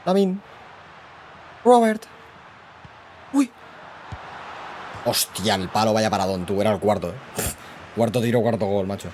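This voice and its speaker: Excitable gamer, low voice. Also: male voice, moderate pace, pauses often, a little hiss or hum. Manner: excitable, slangy, yells at goals. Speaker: gaming YouTuber. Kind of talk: live gameplay commentary.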